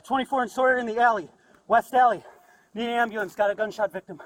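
A man with a very high, strained voice barks short urgent calls into a police radio, out of breath and clipped. He sounds far from the mic on a noisy field recording, with clicks and hiss behind him. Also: quick pace, fairly bright tone. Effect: calling in over a police radio. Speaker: police officer.

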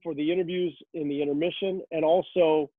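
A man's voice: fairly high pitch, fairly even intonation, brisk, dry recording. A man who works as a rinkside hockey reporter answers interview questions in a chatty, storytelling way, full of "uh" fillers. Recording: tinny phone line.

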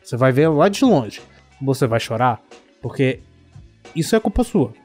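A man's voice: medium pitch, big pitch swings, moderate pace, a little mellow, soft background music. A man with a Brazilian accent, ranting indignantly and sarcastically, with plenty of swearing, in a casual chat. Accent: Brazilian Portuguese.

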